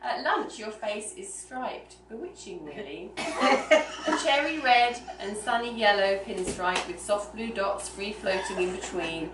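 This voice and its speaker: This reader has a medium-pitched voice with lively intonation, and she takes her time as she tells the story to a small room of listeners. Captured live from a distance, the audio is noisy and roomy.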